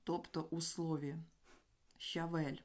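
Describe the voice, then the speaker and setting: A woman teaching a grammar lesson, explaining sounds deliberately and sounding out letters and words one by one. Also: sits low, flat delivery, darkish tone.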